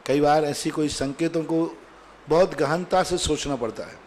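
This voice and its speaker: A man's voice: a little high, normal speed, a little mellow, slight background noise. A man giving a religious question-and-answer discourse, chatty and storytelling, often laughing.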